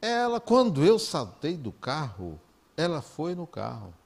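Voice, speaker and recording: A man with a Brazilian Portuguese accent, giving a talk in an animated, conversational storytelling way. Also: on the high side, measured pace, gravelly. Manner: animated, conversational, acts out dialogue.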